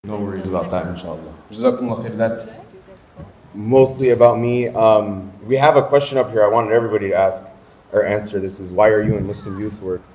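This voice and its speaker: Low-voiced man in an echoey room. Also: brisk, a little mellow. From United States. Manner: self-deprecating, joking, rambling with fillers and Arabic phrases. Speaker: Islamic studies teacher and youth director. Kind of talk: casual self-introduction to a group. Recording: echoey room with faint noise.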